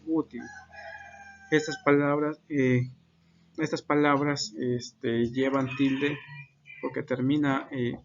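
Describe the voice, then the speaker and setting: A man's voice: mid-range voice, dull audio, a little hiss or hum. A man giving an unscripted class presentation, hesitant, with many fillers and self-corrections. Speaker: student presenter.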